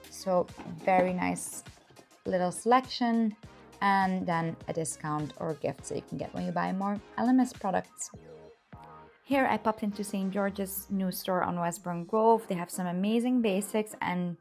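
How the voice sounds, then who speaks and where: A woman's voice: on the low side, darkish tone. A woman lifestyle vlogger with an upbeat, enthusiastic manner, chatting casually and narrating her days. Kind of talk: casual vlog narration and haul chat.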